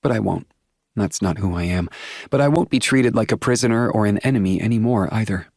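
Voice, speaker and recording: A man voicing a sharp-tongued, defiant young woman in an audiobook, dry and sarcastic. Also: lowish voice, a little fast, gravelly, no room sound, voice pushed up. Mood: flat. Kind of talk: audiobook character voice.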